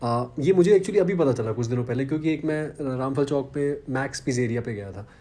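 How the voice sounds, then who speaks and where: A man's voice: mid-range voice, lively intonation, brisk, mellow. A man, chatting casually in a vlog and poking fun at himself. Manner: chatty, self-deprecating, conversational. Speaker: vlogger.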